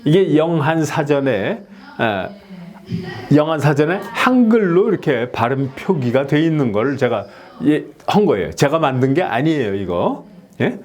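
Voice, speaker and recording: A Korean man gives a video lecture on the pronunciation method he devised. His pitch rises and falls in a lively way as he points through slides. He checks in with his listeners constantly and drills single words over and over at a deliberate pace. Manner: keeps asking "예?" to check on listeners, repeats words many times as demonstrations. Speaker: author teaching his own English pronunciation method.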